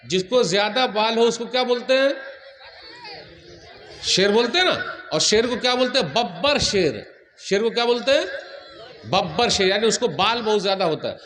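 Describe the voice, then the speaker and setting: A male Islamic preacher delivering a sermon to a large gathering, teasing the crowd with questions and reciting hadith quickly. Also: sits high, animated, a bit bright, slight background noise. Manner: asks the crowd questions, jokes and teases.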